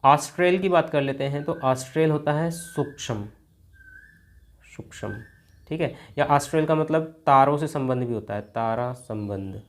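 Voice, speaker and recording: A man teaching an exam-prep vocabulary lesson, explaining each word in turn and softly repeating the key words, often calling his viewers friends. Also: a little high, moderate pace.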